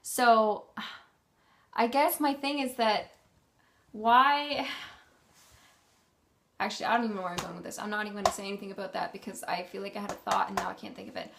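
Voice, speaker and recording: A woman's voice: mid-range voice, steady tone, brisk, gravelly, pauses often, fairly bright tone, a little hiss or hum. A woman from Canada with a Canadian accent, chatting casually in a vlog, rambling and filling gaps with "um" and "like.". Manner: rambling, full of "um" and "like", loses her thread. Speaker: vlogger.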